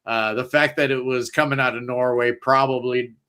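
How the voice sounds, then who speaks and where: A man's voice: medium pitch, fairly even intonation, moderate pace, pushed and bright, clean tone. A man hosting a casual podcast panel, talking enthusiastically and jokily with lots of fillers. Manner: enthusiastic, jokey, loose with fillers. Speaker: podcast host.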